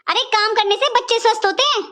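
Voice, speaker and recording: Woman voicing a shrill bossy mother-in-law. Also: steady tone, fast, fairly bright tone. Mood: scolding. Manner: harsh scolding, commanding. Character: bossy scolding middle-aged mother-in-law. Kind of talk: animated cartoon voice acting.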